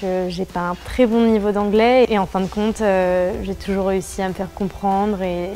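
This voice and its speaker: A woman's voice: mid-range voice, steady tone, moderate pace, warm tone, faint music behind. A young woman, an apprentice at a truck maker, speaking hesitantly with fillers.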